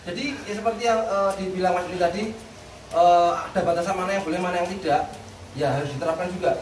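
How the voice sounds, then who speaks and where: A man's voice: high-pitched, steady tone, fast talker. A man chatting casually and earnestly about setting firm rules for dogs. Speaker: guest dog owner. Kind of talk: casual chat about dog training. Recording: roomy, distant mic, faint noise.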